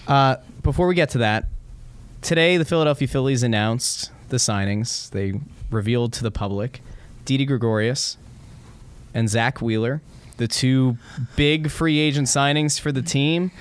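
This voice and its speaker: Sports radio host guy, casual talk, really clear smooth voice, normal pitch. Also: normal speed.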